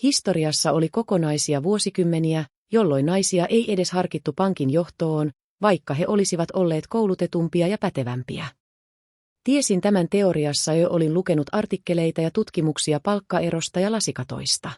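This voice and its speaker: Calm woman narrating a story, low voice. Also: dry recording, clean studio sound. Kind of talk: scripted first-person story narration.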